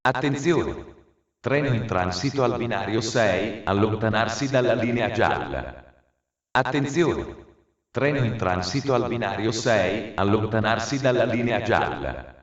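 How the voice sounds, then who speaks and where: Man, flat formal station announcement, segmented phrasing, distant, muffled public address sound. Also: on the low side, a little slow. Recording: echoey dull station loudspeaker from afar.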